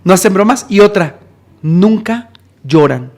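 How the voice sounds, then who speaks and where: A man from Mexico with a Mexican accent, an evangelist guest telling stories in lively conversation and acting out the people in them. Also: high-pitched, a little slow. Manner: animated, acts out the people in his stories. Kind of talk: conversational storytelling.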